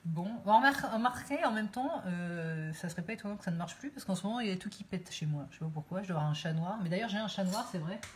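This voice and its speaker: A woman with a fairly low voice hosts a live cooking stream from her home kitchen, filling her talk with fillers and asides to her viewers. She speaks into her phone, and a faint hum of noise sits behind her. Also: lively intonation, fast talker, hardly any pauses. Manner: chatty, rambling, many fillers, talks to viewers.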